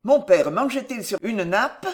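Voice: mid-range voice, expressive, unhurried, close to an everyday voice. A reader as a courteous, smiling colonel. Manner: polite, gently amused.

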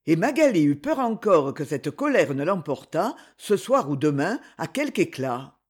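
A narrator reading a romance novel aloud in an expressive way. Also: medium pitch, moderate pace, breathy edge. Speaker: audiobook narrator.

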